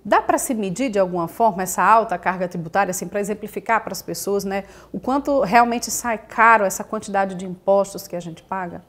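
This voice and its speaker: A woman's voice: medium pitch, a little fast, hardly any pauses, a bit bright. A woman with a Brazilian accent presenting and interviewing on a studio news programme.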